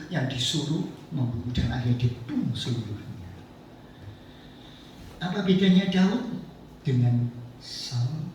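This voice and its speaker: A man's voice: mid-range voice, a little mellow, a little hiss or hum. A man pastor, preaching a sermon as a storyteller, asking the congregation rhetorical questions. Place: church sanctuary, indoors. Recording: echoey church hall, mic at a distance.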